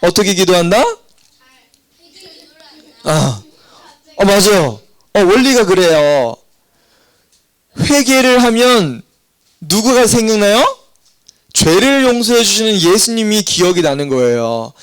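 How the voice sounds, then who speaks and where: A middle-aged male pastor preaching a lively sermon to children, asking the congregation questions and having them repeat after him. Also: sits high, slow pace, pauses often, clear, resonant tone. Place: church hall.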